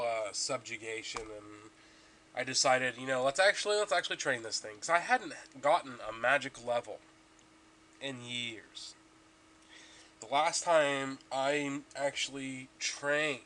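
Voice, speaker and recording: A young podcast host, stuffy from allergies, rambles casually about his gaming progress with lots of ums and restarts. His mid-range voice is a bit bright, and slight background noise can be heard.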